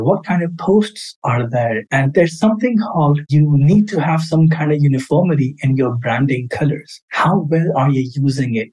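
A man's voice: medium pitch, a little mellow, husky, poor audio. A young adult man from Pakistan, a podcast guest answering interview questions in an earnest, expansive storytelling way.

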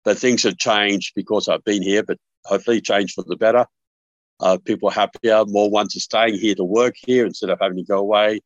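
A man's voice: on the low side, steady tone, fairly quick, no room sound, lo-fi sound. An older man with an Australian accent, a podcast guest telling rambling stories with many restarts over a remote call. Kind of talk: casual remote interview.

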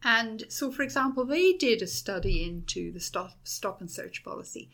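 A woman's voice: on the high side, animated, moderate pace, vocal fry, a bit bright. A middle-aged woman with a Dublin Irish accent, a university principal answering interview questions with enthusiasm and many restarts. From Ireland.

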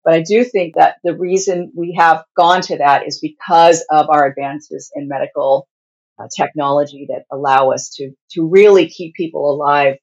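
Husky woman, plain spoken nurse explaining stuff in an interview, bit lo-fi sound. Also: low-pitched, fairly even intonation, normal speed, darkish tone. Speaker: hospice nurse guest. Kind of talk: conversational interview answers.

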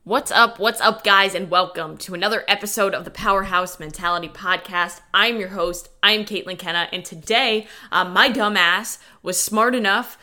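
A woman's voice: medium pitch, moderate pace, few pauses, pushed and bright. A woman hosting a podcast as a coach, talking casually and motivationally to listeners in informal, lightly sweary language. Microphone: dedicated podcast microphone.

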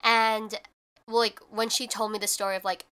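A young woman hosts her podcast in a casual chat, her fairly high voice staying mostly level at a normal speed. Her tone is sharp yet smooth, and she sounds congested and more nasal than usual. She talks chattily, dropping "like" constantly.

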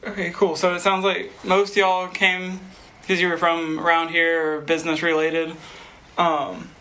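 A man's voice: on the high side, monotone, a little slow, pushed and bright, low-quality recording. A young man hosting a student interview, informal and friendly, often saying "y'all".

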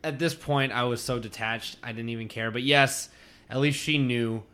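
A man's voice: medium pitch, steady tone, normal speed, fairly bright tone. A man co-hosting a podcast, giving dry, joking commentary on a horror film. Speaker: podcast co-host. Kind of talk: casual chat.

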